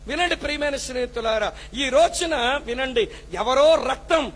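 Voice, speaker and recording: A man's voice: very high-pitched, moderate pace, a bit bright, slight background noise. A male pastor, preaching a fervent sermon and scolding the congregation with rhetorical questions.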